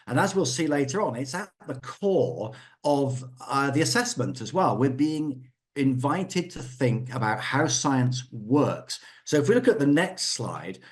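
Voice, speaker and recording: A man giving an explanatory educational talk as an experienced instructor, measured and emphatic in how he makes his points. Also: mid-range voice. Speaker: physics instructor and school director.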